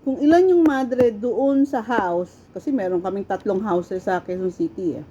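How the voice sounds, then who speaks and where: Woman from the Philippines, middle-aged, casual storytelling, animated, mellow tone, faint background hiss. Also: mid-range voice, normal speed. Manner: animated, laughs often, acts out quoted voices. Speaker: storyteller sharing her life. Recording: dull, lo-fi with faint background noise.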